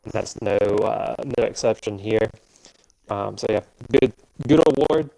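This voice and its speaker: A man's voice: on the low side, measured pace, vocal fry, warm tone, poor audio. A man co-hosting a casual live stream about a sports simulation league, speaking offhandedly with dry jokes. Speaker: league show co-host.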